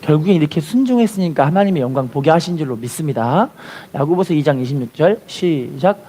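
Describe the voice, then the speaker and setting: In a church, a pastor preaches with a slightly high, mellow voice, speaking fast and animatedly. He tells a story, performing its different voices, and then has the congregation repeat after him.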